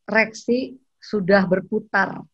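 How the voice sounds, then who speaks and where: A woman's voice: medium pitch, fairly even intonation, slow pace, husky, no room sound. A woman interviewing a guest casually, teasing him and prodding him for answers. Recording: dry, dull lo-fi sound.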